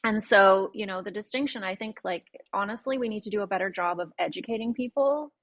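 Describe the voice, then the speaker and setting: A woman's voice: mid-range voice, brisk, a bit bright, no echo. A Canadian woman speaking as a guest on a panel discussion, talking earnestly with many fillers and restarts.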